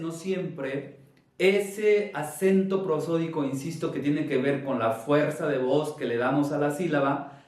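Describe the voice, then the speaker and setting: A man with a Mexican accent teaching a Spanish grammar lesson, speaking deliberately and stressing syllables to demonstrate them. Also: fairly high pitch. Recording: very echoey room, from far off.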